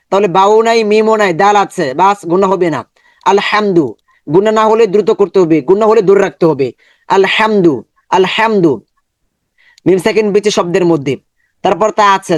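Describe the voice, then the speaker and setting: A man with a Bangladeshi Bengali accent teaches recitation step by step, patient and repetitive as he drills each syllable. His voice sits fairly high, and the recording is close and dry, with no room sound. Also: no room sound. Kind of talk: step-by-step online lesson.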